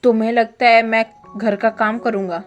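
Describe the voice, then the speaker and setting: A woman's voice: on the high side, little pitch movement, moderate pace, soft background music, close to an everyday voice. A woman voicing an indignant young man who protests and sputters when teased, in a casual spoken retelling. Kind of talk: casual storytelling with voiced lines.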